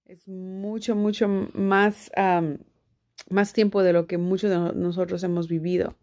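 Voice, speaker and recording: A woman's voice: on the low side, flat delivery, a little slow, over loud music. A woman giving casual commentary over a video clip, restating each line in her own words. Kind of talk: casual commentary and live translation.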